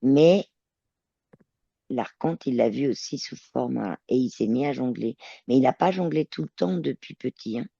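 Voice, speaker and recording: A woman working as a telepath, describing her visions in a channeling session, halting and searching for words. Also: a bass voice, lively intonation, gravelly, warm tone, breathy edge, dry recording, lo-fi sound. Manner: hesitant, searching for words, many fillers.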